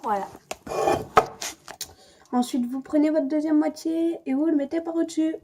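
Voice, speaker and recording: A woman's voice: high voice, normal speed, warm tone. A young woman giving a playful, chatty home cooking demonstration in her kitchen, talking to the viewer and to herself. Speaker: cooking vlogger. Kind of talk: casual home cooking demo. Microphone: camera mic propped on a stand.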